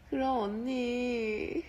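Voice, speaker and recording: Slow, soft-spoken young woman on a phone livestream. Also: high voice. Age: 20s. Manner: soft, quiet and relaxed, dropping to whispers. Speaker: livestream host. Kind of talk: casual livestream chat. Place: dim room indoors at night. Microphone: phone held close.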